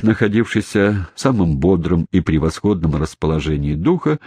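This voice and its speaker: A man narrating a storybook with a deep, husky voice and lively, sweeping intonation. The recording is dry and close. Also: no room sound. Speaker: audiobook reader. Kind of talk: scripted narration.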